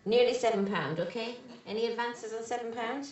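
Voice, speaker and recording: A woman's voice: fairly high pitch, brisk, darkish tone, a little hiss or hum. A female midwife from the English Midlands, coaching a mother through labour with repeated short, encouraging urgings. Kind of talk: coaching a birth. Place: hospital delivery room. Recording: roomy distant lo-fi sound.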